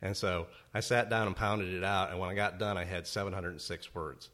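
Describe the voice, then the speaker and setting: A man in casual podcast chat, telling stories haltingly with many pauses and ums. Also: sits low, fairly even intonation, bright, forceful tone. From Berlin, USA. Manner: halting, many ums, laughs at own jokes. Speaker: podcast guest, writer.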